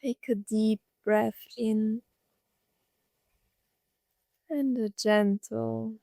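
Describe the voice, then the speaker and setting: A woman with a somewhat high, gravelly voice leads a scripted guided meditation, keeping a steady tone. She soothes gently, pausing at length between short phrases. There is no room sound.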